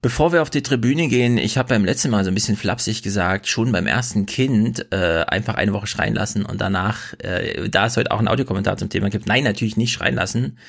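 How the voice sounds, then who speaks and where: A man in his thirties with a gravelly edge and a fairly low voice, co-hosting a podcast. He rambles in casual chat, restarting and correcting himself as he goes. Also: fast, hardly any pauses. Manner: chatty, rambling, self-correcting. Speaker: podcast co-host.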